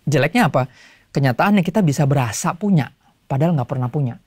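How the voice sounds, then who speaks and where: Guy pastor preaching casual, talks super fast, kinda high voice, dry close sound. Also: lively intonation, a little mellow, slightly rough, dry recording. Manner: chatty storytelling in everyday slang; acts out voices in quotes. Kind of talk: casual sermon to young people.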